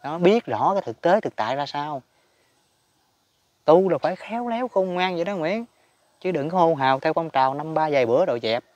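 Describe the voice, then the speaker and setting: A man's voice: a little high, expressive, fairly quick, a little mellow, dull audio. A man giving a casual Buddhist teaching talk, chatty and emphatic, chuckling often. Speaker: spiritual teacher.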